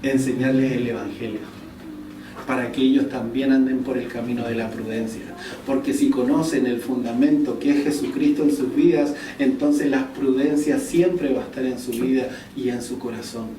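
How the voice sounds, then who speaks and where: A man's voice: mid-range voice, fairly even intonation, moderate pace. Man preaching in an echoey church. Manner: storytelling, asks the congregation questions. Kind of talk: sermon. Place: church hall. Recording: echoey church room, distant mic, faint noise.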